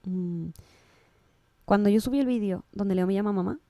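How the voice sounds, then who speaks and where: A woman's voice: mid-range voice, normal speed, warm tone, dry recording. A woman with a Canary Islands Spanish accent, a guest in an interview, speaking emotionally and often restarting and repeating her words. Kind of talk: casual interview conversation.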